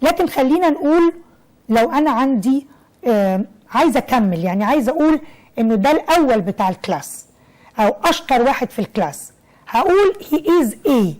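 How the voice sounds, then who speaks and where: An Egyptian woman teaching English grammar on television, mixing quick Arabic explanations with slow, carefully spelled English examples. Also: high-pitched, sing-song, darkish tone, low-quality recording. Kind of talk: televised classroom lesson.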